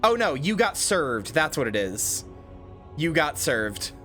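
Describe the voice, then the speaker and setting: A man's voice: on the high side, very animated, takes it slowly, soft background music. A man casually commenting on a game as he plays, rambling with lots of fillers and swearing. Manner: rambling, full of fillers, swears and loud outbursts. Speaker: game streamer.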